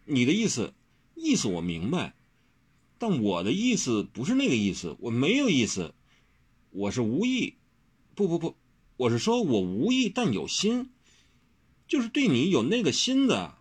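Man playing a flustered young hero, stammering, husky, very wide pitch swings. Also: huge pitch swings, moderate pace, a little mellow. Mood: flustered pleading. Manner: stammering, repeating words.

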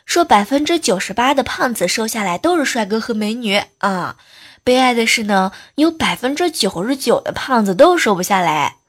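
A woman hosting a comedy show, running through short funny anecdotes with a playful, teasing delivery. Her voice sits a little high. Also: very animated, moderate pace. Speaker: host. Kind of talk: comic joke storytelling.

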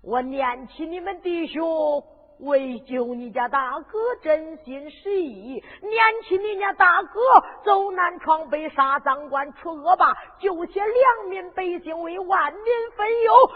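A woman with a Henan accent voicing an old male monk in a zhuizi storytelling, who scolds tearfully and shouts in lament. The recording is tinny and echoing, with music behind. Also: high-pitched, animated, slow pace. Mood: tearful scolding.

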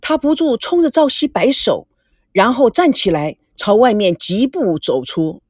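A woman narrating a novel as an audiobook, expressive and voicing the young characters too. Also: a little high, unhurried, slightly rough, no room sound, studio quality.

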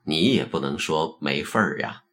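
A man voicing a terse, probing elderly Zen master in a told story, low and measured. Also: expressive, a bit bright, full character voice. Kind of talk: storytelling narration.

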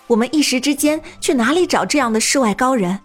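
A woman's voice: high voice, lively intonation, fast talker, faint music behind. A woman playing an anxious young female companion in an audio drama, speaking urgently.

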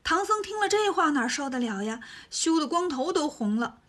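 A woman narrating a children's story in a lively, colloquial way. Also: high-pitched, normal speed.

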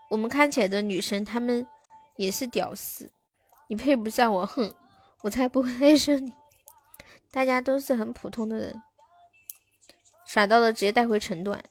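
A woman's voice: a little high, normal speed, pauses often, faint music behind. A young woman hosting a live stream, chatting casually with her viewers and answering their comments.

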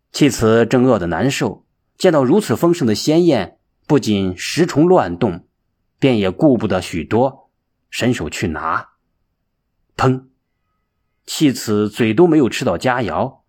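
Husky-voiced male storyteller. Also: medium pitch, darkish tone. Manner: slow, measured storytelling. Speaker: audiobook narrator. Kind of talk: storytelling narration.

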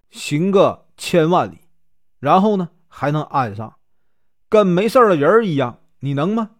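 A man voicing Shen Gongbao, an arrogant boastful male Taoist immortal who taunts and scorns, in a spoken storybook telling. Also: fairly high pitch.

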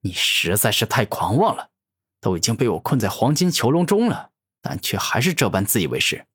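A man's voice: on the low side, sing-song, a little fast, fairly bright tone, slightly rough, full character voice. A man voicing an arrogant, furious male monster warlord who growls angry threats in a fantasy audio story. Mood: boastful.

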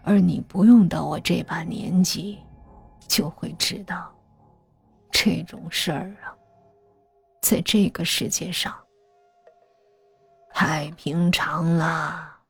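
A woman voicing a smiling, cruel older man who owns a mansion, speaking slowly, softly and with unhurried gloating. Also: on the low side, lively intonation, vocal fry, slightly rough, faint music behind, full character voice. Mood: calm menace. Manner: slow, soft, gloating and unhurried.

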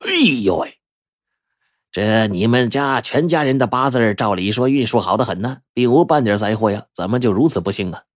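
A man storyteller voicing a shrewd old male village fortune-teller with a husky, drawling, knowing manner. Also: mid-range voice, lively intonation, normal speed, dry recording, clean studio sound, lightly acted. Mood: puzzled.

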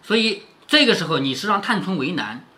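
A man's voice: sits high, big pitch swings, a little fast, bright, forceful tone. A man reading a classic novel aloud and explaining it, often asking rhetorical questions. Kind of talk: storytelling with explanations.

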